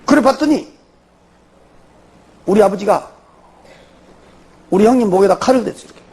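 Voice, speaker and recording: Middle-aged male pastor, Jeolla Korean accent, high husky voice, lively rise and fall, animated testimony sermon with rhetorical questions. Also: moderate pace.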